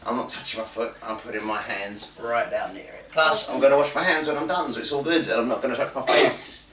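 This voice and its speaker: A man's voice: mid-range voice, brisk. A middle-aged man leading a home workout with his children, giving short exercise cues and teasing them playfully. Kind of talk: instructional coaching with his children. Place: home room with his daughters. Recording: roomy, distant home video with noise.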